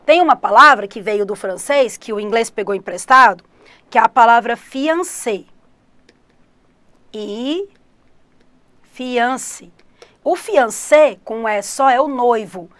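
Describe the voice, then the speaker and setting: A middle-aged Brazilian woman teaching an online English exam-prep lesson, lively and speaking straight to her students. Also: a little high, slow pace, pauses often, no echo. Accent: Brazilian Portuguese. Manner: lively, addresses students directly, refers to herself as teacher.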